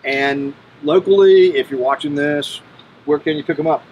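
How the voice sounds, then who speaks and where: A middle-aged man hosting a casual interview, easygoing and halting, often repeating words, on an outdoor patio. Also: fairly high pitch, darkish tone, lo-fi sound, a little hiss or hum. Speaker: host. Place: outdoor patio by a brick wall.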